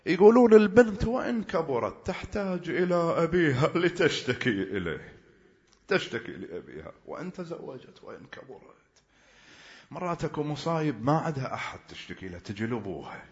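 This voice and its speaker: Male preacher for a mourning sermon, very expressive pitch, dull lo-fi recording. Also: a little fast. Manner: lamenting, swings from hushed murmurs to loud cries.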